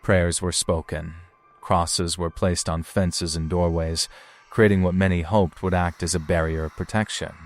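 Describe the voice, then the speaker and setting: A man giving a scripted, suspenseful narration in a deliberate, ominous storytelling manner. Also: deep voice, fairly even intonation. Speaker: narrator of paranormal footage compilation.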